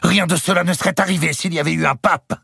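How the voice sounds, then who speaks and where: A man voicing a hot-tempered young king who shouts indignantly and whose voice cracks high when cornered. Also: animated, moderate pace, creaky, slightly rough, no room sound, clean studio sound, exaggerated voice. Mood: shrill, whining.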